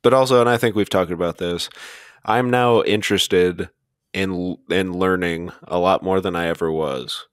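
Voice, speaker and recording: A man's voice: low voice, steady tone, moderate pace, dry recording, studio quality. A young man co-hosting a casual podcast chat, rambling through stories in a laid-back way. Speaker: podcast co-host.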